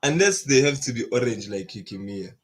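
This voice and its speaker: A young man hosting an anime reaction, chatting casually in slang and breaking into excited bursts. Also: medium pitch, brisk, slightly rough.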